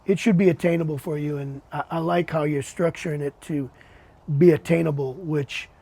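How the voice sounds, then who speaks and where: A man hosting a podcast interview, chatting in a relaxed way, often repeating words and calling his guest "man". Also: a little high, normal speed, vocal fry. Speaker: podcast host. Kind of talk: casual interview chat.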